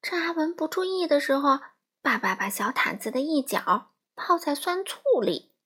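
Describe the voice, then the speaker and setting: A woman reading a picture book aloud to young children in a lively, coaxing storytelling manner. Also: high voice, normal speed.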